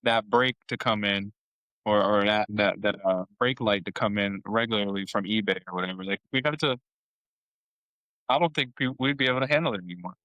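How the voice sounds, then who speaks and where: A young man co-hosting a casual podcast, telling animated stories and giving playful shout-outs. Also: on the low side, a little fast, no room sound, poor audio. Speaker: podcast co-host.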